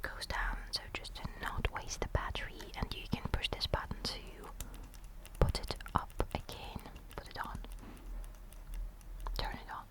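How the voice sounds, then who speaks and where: Woman ASMR host: unvoiced whisper throughout, slow, hesitant, pauses to find words. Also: low-quality recording. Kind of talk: ASMR camera show-and-tell.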